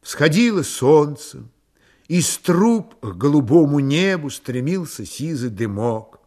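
A man narrating a literary audiobook in a calm, measured, unhurried way. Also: fairly high pitch.

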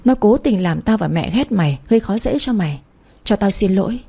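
A woman's voice: mid-range voice, expressive, brisk, vocal fry, warm tone, slightly rough. A woman voicing a bitter elder sister who speaks bluntly and harshly, full of scorn. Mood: bitter confession.

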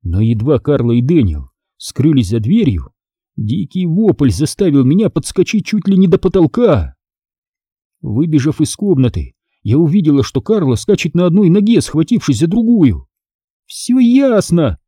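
A man narrating an audiobook story in the first person, telling it in an expressive way. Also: on the high side, moderate pace, slightly rough, dry recording, clean studio sound.

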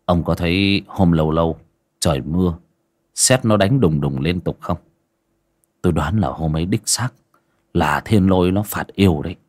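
A man's voice: moderate pace, long pauses, darkish tone, lightly acted. A man voicing a tired, stern young male exorcist who grumbles. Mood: weary. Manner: tired, grumbling, low-key.

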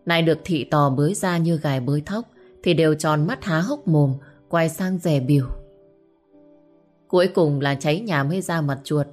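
A woman narrating a dramatic audiobook story in a measured, expressive way. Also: low voice. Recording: faint music bed.

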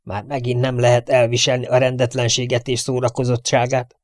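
A man's voice: medium pitch, monotone, no echo, clean studio sound, natural voice. A man voicing a strict, nagging older housekeeper who scolds her absent-minded employer. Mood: scolding. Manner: scolding, prim and indignant.

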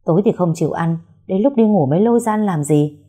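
A woman's voice: lowish voice, fast talker, mellow, slightly rough. A woman voicing a bossy, fussing middle-aged mother who scolds and urges. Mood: scolding. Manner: scolding, urgent.

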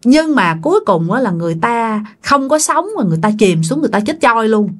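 A woman's voice: a little high, very animated, a little fast. A woman with a Southern Vietnamese accent narrating a ghost story dramatically, speaking straight to her listeners. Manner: dramatic, addresses listeners directly.

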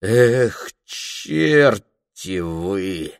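A man's voice: sits low, very animated, slow, creaky, no room sound, clean studio sound, exaggerated voice. A man reading aloud, voicing a worldly woman who speaks in a chesty, mournful, mocking tone. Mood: bitter.

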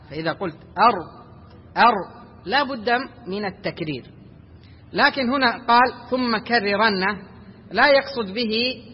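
Male recitation teacher with a high voice, explaining rules and slowly chanting examples; lingering hall echo, muffled recording. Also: a little hiss or hum.

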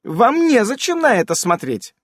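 A man voicing a fussy, flustered witch who is a wife and mother, in a high, scolding, chirping voice. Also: animated, unhurried, no echo, clean studio sound, exaggerated voice.

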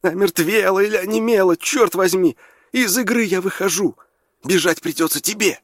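Brief: male reader doing a dramatic young Irish fellow, pleading, raised pitch. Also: moderate pace, no echo, clean studio sound. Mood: alarmed. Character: excitable young Irish man, theatrical complainer.

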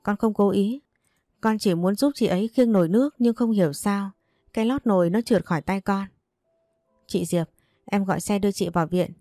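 A woman narrator playing a courteous young wife, earnest and respectful in every word. Her voice is mellow and low in brightness, close and dry. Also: normal speed, no echo, faint music behind, close to an everyday voice. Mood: pleading. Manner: polite, earnest.

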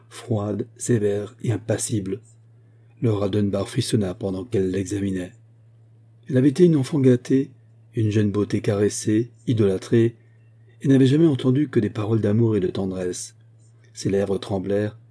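Male audiobook reader, kinda husky, low voice, slow steady reading. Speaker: audiobook narrator. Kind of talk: scripted narration of a classic novel.

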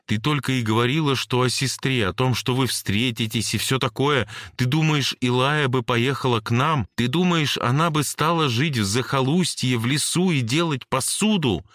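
A man's voice: mid-range voice, moderate pace, hardly any pauses, fairly bright tone, no echo, clean studio sound, voice pushed up, lightly acted. A man voicing a heated, pleading young man. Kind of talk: audiobook character reading.

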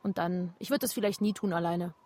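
A woman's voice: lowish voice, steady tone, fairly quick, a little mellow, natural voice. An actress playing a blunt, provoking young woman in a radio drama. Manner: blunt and mocking.

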